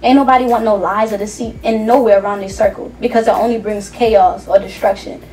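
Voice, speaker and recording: A guest musician from New York talks on a talk show briskly, in a warm, mid-range voice with fairly even intonation. She's emphatic and a bit preachy, repeating herself and using lots of fillers. Faint music plays behind her, and a distant mic picks up faint noise.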